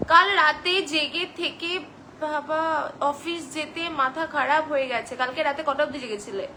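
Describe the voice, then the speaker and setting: A woman's voice: sits high, a little slow, sharp tone, a little hiss or hum, poor audio. A young woman hosting a casual live stream, reading viewer comments aloud and answering them in a chatty way over a phone.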